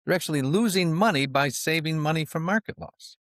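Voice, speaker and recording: A man's voice: a little high, fairly quick, dry recording, clean studio sound. A man, a financial advisor guest on a podcast, telling stories with jokes and laughing at his own lines. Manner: animated, jokey storyteller who laughs at his own lines. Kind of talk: storytelling podcast interview.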